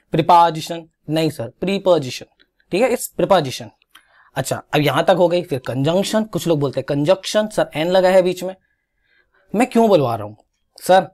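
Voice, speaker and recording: A young Indian man giving an exam-prep English grammar lesson, coaxing students to repeat words after him and correcting their pronunciation. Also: on the high side. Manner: animated, coaxing, drills pronunciation with repetition. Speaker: English teacher.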